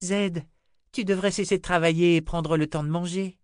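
A man's voice: sits high, fairly even intonation, moderate pace, a little mellow, clear, resonant tone, no echo, studio quality, pitched above the performer's own voice, lightly acted. A man voicing a cheerful, bold little girl in an audiobook, with a raised childlike voice.

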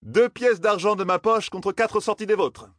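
A man's voice: medium pitch, animated, moderate pace, husky, dry recording, clean studio sound, voice pushed up. Man voicing a stubborn young gambler. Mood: determined. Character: young male gambler, reckless, weak but stubborn.

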